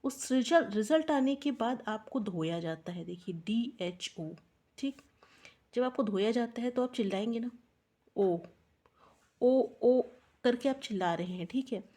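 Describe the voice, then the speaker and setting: Brisk woman biotech teacher, fairly high voice. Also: lively intonation, warm tone. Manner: explains step by step, often checks in with "ठीक है". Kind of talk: exam-prep lecture with mnemonics.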